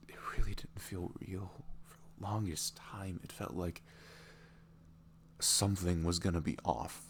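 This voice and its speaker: A man performs an intimate ASMR boyfriend monologue as a smitten, vulnerable young neurodivergent guy meeting his online love. Hushed and musing, his low, creaky voice often drops toward a whisper, and he speaks haltingly with soft chuckles and many "you know"s. Slight background noise can be heard.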